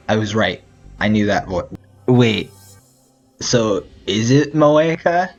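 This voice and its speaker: A man's voice: lowish voice, expressive, extremely slow. A young man hosting a let's play of a visual novel, rambling, giggling and correcting himself as he reads. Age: young adult. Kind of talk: casual game commentary. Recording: dull lo-fi audio with faint music.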